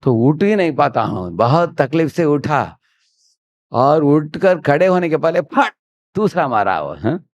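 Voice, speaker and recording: A man's voice: a little high, measured pace. A man giving a spiritual sermon, telling a story with acted-out quotes and often asking his listeners "haan?". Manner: animated storyteller, acts out quotes. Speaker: preacher giving a spiritual discourse. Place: temple hall.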